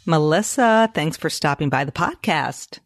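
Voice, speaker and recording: A woman hosting a podcast, chatting in a friendly, easy way with quick asides. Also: low-pitched, expressive, music in the background. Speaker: podcast host. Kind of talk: casual podcast chat.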